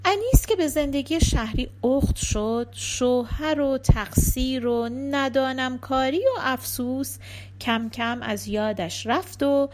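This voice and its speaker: A woman narrating an audiobook story with expressive, lively storytelling. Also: high voice, noisy background.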